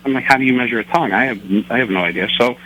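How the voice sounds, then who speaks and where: A man's voice: mid-range voice, racing, bright, forceful tone, slight background noise, low-quality recording. A middle-aged man telling rambling, joking, self-deprecating anecdotes as a radio interview guest. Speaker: interview guest, record holder.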